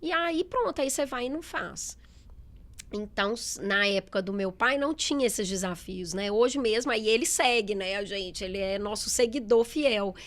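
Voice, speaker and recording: A woman's voice: medium pitch, normal speed, a bit bright. Chatty businesswoman telling stories. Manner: chatty, candid, lots of fillers and quoted speech. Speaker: businesswoman, interview guest. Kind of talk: casual interview talk.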